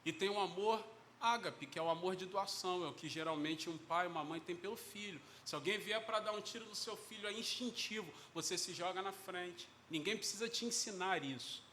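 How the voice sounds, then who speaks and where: A man with a Brazilian Portuguese accent preaching a sermon as pastor in a church, acting out the dialogue of the story with lively shifts in his voice. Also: sits high, a little fast, slight background noise.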